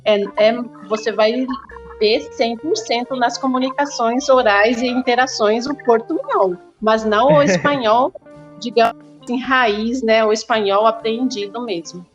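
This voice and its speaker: Mulher fronteiriça, voz aguda, áudio abafado. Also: female voice, on the high side, unhurried, muffled recording, faint music behind. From Brazil–Paraguay border, Mato Grosso do Sul. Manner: thoughtful, hesitant, many fillers. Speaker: municipal schoolteacher, guest. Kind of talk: casual interview answers. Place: at a school, joining remotely.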